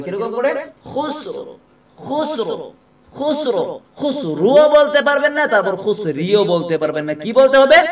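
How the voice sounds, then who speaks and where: High-voiced man teaching recitation, echoey. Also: far from the mic. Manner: asks questions and answers them himself; chants the verses slowly. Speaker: Quran reading teacher. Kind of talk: spelling out a recitation lesson.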